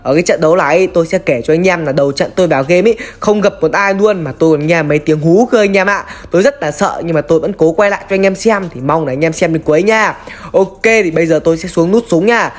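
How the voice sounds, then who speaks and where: A gaming YouTuber with a fairly high voice talks at a quick pace as he narrates a horror story he built from a game. He keeps it chatty, speaking straight to his viewers and calling them brothers.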